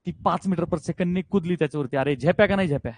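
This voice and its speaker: Energetic high-voiced male physics teacher. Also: fast talker, no room sound. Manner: energetic, coaxing, keeps checking students understand. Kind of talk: classroom physics lesson. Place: classroom with students.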